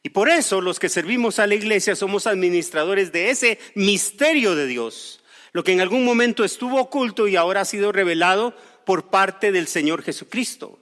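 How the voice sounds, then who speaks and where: His high voice is expressive and fairly bright as this Costa Rican pastor, accented in Costa Rican Spanish, preaches at normal speed in a large hall. He explains scripture by sharing personal stories with a bit of humor.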